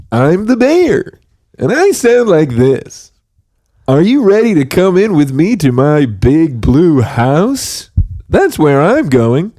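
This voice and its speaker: A man voicing a big, friendly cartoon bear who hosts a kids' show, in a slow, sing-song, soothing manner. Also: on the high side, dark tone, no echo, clean studio sound, pitched above the performer's own voice, heavily acted.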